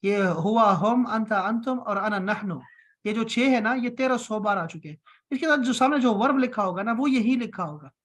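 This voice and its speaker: A man's voice: high voice, moderate pace, fairly bright tone. A man from Pakistan teaching an online Arabic class on a call, patient and encouraging, repeating each point.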